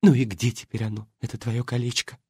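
A man's voice: medium pitch, flat delivery, brisk, mellow, slightly rough, no room sound, studio quality, voice pushed up. A man reading an audiobook and voicing a strict elderly woman who chides her husband. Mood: scolding. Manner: reproachful, chiding. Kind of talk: audiobook character voice.

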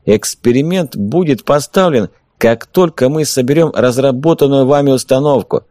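A man voicing a smooth-talking, insincere male enemy envoy in an audiobook, calling out ingratiatingly from outside. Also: mid-range voice, moderate pace, mellow, no echo, clean studio sound, voice pushed up, natural voice. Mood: persuasive. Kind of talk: audiobook character voice.

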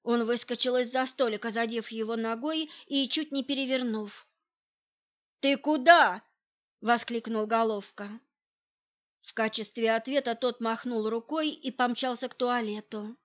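Woman, audiobook narrator, slow measured reading, higher voice, muffled recording. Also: fairly even intonation.

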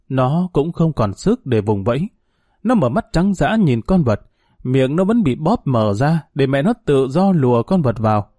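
A man narrating a story aloud in a measured, grave reading. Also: mid-range voice, dark tone, no room sound, studio quality.

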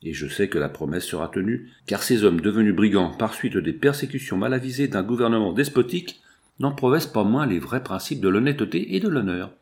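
Storybook captive's letter, male reader, grave and quiet, low-set. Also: expressive, brisk. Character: young male captive writing a dictated letter.

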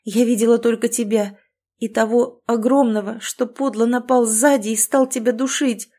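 A woman's voice: a little high, steady tone, moderate pace, dark tone, pitched above the performer's own voice, natural voice. A woman voicing a fierce young werewolf woman, agitated. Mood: shaken.

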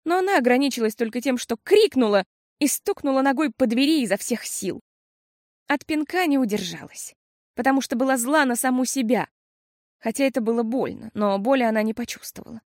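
A woman narrating a children's audiobook in an expressive, measured storytelling manner. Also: a little high, no room sound, clean studio sound.

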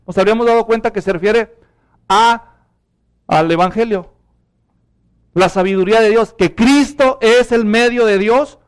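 High, smooth-voiced teacher. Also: male voice. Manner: explanatory, checks in with listeners. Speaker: Bible teacher. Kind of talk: expository Bible study.

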